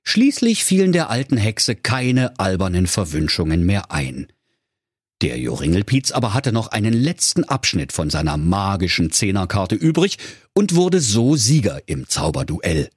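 A man narrating a comic fairy tale for children in a playful, lively storytelling manner. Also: on the low side, normal speed, breathy edge, no room sound, clean studio sound.

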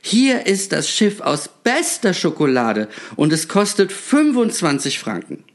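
Man putting on a shrill shrieking shopkeeper woman. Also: huge pitch swings, measured pace, heavily acted. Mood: stammering. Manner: shrieking, high and strained.

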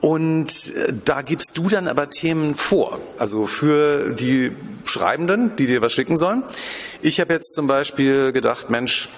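A man's voice: fairly high pitch, expressive, a little slow. A man talking casually as an interviewer and co-host.

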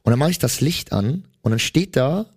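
A man's voice: normal speed, husky. A young man, co-hosting a casual podcast and telling stories with lots of fillers. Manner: animated storyteller, many fillers, rises in pitch when excited. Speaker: podcast co-host. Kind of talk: casual chat.

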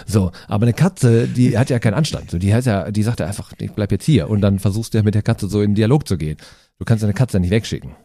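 Male comedian guest, low dark voice, chatty anecdotes full of fillers. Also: fast talker, no echo. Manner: animated, many fillers, acts out voices. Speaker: guest, stand-up comedian and hairdresser. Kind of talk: comedic storytelling in conversation.

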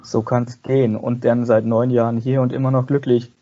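A man's voice: mid-range voice, little pitch movement, normal speed, dark tone, highs cut off. A man hosting a company podcast, asking interview questions from a plan and slipping in jokes. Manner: jokey, reads questions from a plan.

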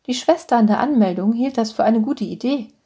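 A cheerful, pushy middle-aged mother, read aloud by a woman in a storybook reading. She talks in a brisk, bossy, scolding way, lifted a little higher than the reader's own voice. The tone is slightly husky. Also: mellow.

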